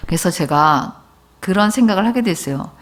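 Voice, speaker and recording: Woman pastor preaching, lively pitch. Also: moderate pace. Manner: personal storytelling, speaking directly to the congregation; informal, conversational speech mixed with polite forms. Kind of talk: sermon.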